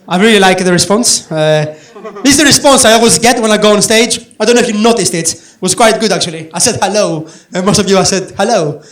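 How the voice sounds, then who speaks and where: A Greek-accented man in his thirties works a comedy club crowd with a brash, profane, chatty stand-up set. His voice sits very high for a man. The sound rings around a roomy club, with laughter breaking in behind him. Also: fast talker. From Greece. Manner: brash, sweary, conversational with the crowd.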